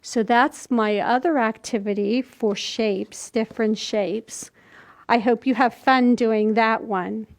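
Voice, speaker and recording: A slow-paced woman in her sixties with a slightly high voice and fairly even intonation hosts storytime for young children. She demonstrates as she explains in simple steps, in a small plain indoor room, with a camera recording from a few feet away.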